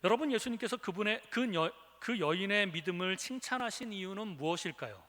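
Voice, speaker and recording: A man's voice: high-pitched, lively intonation, brisk, pushed and bright. A male pastor preaching a sermon, retelling scripture and acting out the quoted speakers. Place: church sanctuary. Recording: reverberant church hall.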